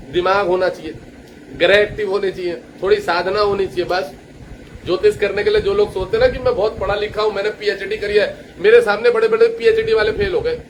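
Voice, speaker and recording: A man with a high voice gives a casual astrology lecture. He brags and swears freely, and he tells his stories with lively scorn. A faint noise sits under his voice. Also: rough recording. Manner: boastful, crude and swearing, telling anecdotes. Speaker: astrologer and teacher. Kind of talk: casual lecture-style monologue.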